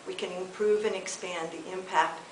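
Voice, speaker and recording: Speaking as an election candidate, this American woman from California reads a prepared video statement with earnest, measured delivery and the occasional hesitation. She is middle-aged, her pitch fairly low and her tone even. Faint hiss and echo come from the room.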